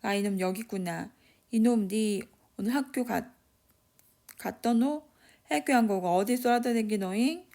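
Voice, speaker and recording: A man's voice: sits high, a little slow, vocal fry, a little mellow. A woman doing a drunken one-armed Gyeongsang father. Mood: drunk scolding. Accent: Gyeongsang dialect. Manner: rambling, scolding, chuckling.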